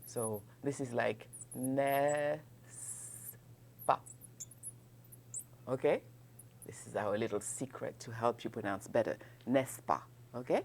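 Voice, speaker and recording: Slow and a little mellow, a woman with a bass voice teaches French grammar in English, pausing at length. She models French questions with an exaggerated upward lilt, laughs lightly, and keeps checking in with "ok?" in this bilingual classroom lesson.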